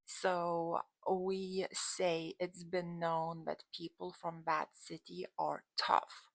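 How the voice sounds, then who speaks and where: Talking straight to camera, this woman from Lithuania coaches on dating and relationships for her channel, her accent clear and her manner emphatic yet chatty. The voice is lowish and gravelly, slow and flat in delivery, with no echo.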